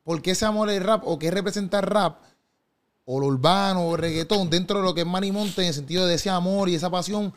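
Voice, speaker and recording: A male interviewer, his voice set a little high for a man. He asks long, winding questions in a casual chat. He keeps stopping to check that he is understood. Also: fast talker.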